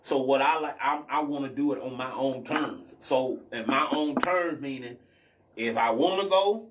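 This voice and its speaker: A guest R&B artist in his 40s from Athens, Georgia, US, talks loosely and ramblingly in a casual podcast conversation, often checking in with the listener and peppering his speech with "you know what I'm saying." His mid-range voice moves at a moderate pace, with background noise present.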